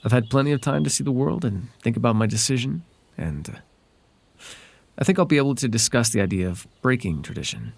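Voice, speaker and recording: Playing a sly, whimsical fairy man in intimate ASMR, he speaks briskly and with animation, his husky, creaky voice moving expressively in pitch. The tone is wistful, the talk hesitant and conversational, and there's a soft possessive streak under it all.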